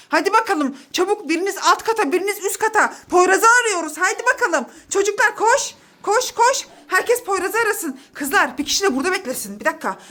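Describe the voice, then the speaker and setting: A woman in her thirties, a mother leading a play game for her children at home, calling out excited, bossy commands. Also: very high voice. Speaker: mother running a family game. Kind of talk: playful family vlog. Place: home, indoors.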